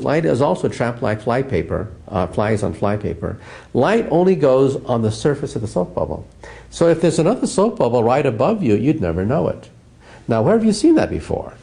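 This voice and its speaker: A man from the United States, a physicist guest in an interview, explaining science as an animated, emphatic storyteller. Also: medium pitch, creaky.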